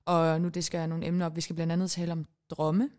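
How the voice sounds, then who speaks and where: A woman's voice: low voice, completely flat delivery, darkish tone. A woman in her twenties from Denmark, Icelandic by first language, co-hosting a podcast in a rambling, giggly, self-mocking chat. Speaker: podcast co-host. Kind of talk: casual chat.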